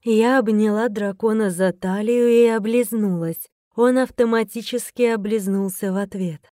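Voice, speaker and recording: A woman's voice: mid-range voice, fairly even intonation, moderate pace, dark tone, no echo, studio quality. A woman narrating a novel in the first person with a playful, teasing delivery. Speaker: audiobook narrator.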